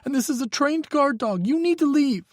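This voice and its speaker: A man performs a timid, frightened young man in a very high voice pitched above his own, animated and at normal speed, trembling and tearful. The studio-quality recording has no room sound.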